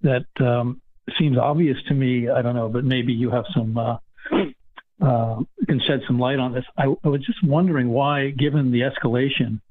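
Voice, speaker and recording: A man's voice: mid-range voice, steady tone, normal speed. Hesitant male caller over a phone line. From United States. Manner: hesitant, filler-heavy. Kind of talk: phone-in call.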